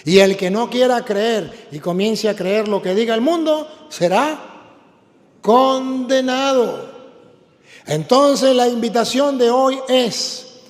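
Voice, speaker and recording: Emphatic priest preaching. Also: male voice, very high-pitched, lively intonation, slow pace, long reverb tail. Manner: emphatic, repeats lines for the congregation. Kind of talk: sermon.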